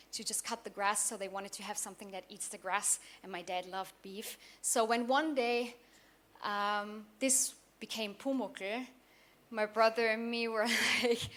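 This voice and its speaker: Young woman, from Austria, conference talk, fairly high voice, hesitant with fillers. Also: a bit bright. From southeast Austria. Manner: hesitant, many fillers and restarts. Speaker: conference speaker, founder.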